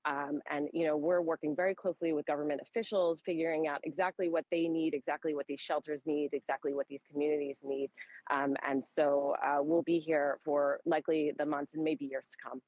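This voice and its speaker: Low, dry-sounding woman explaining in an interview. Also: steady tone, brisk, a little mellow, no echo, rough recording. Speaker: humanitarian relief worker giving an interview. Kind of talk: spontaneous news interview answers.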